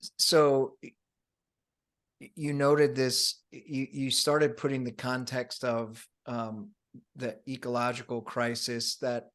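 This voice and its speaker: A man speaks as an interview guest, earnest and open. He often stumbles over the start of a thought and repeats his first words before going on. His pitch sits in the middle of the usual range for a man. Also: flat delivery, takes it slowly, fairly bright tone. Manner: earnest, with frequent stammered restarts. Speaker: coach and guest. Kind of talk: conversational interview.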